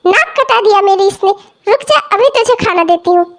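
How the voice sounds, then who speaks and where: A woman's voice: extremely high pitch, lively intonation, brisk, slight background noise. A woman voicing a harsh, quarrelsome young stepmother in a cartoon who scolds everyone. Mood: scolding. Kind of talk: cartoon voice acting.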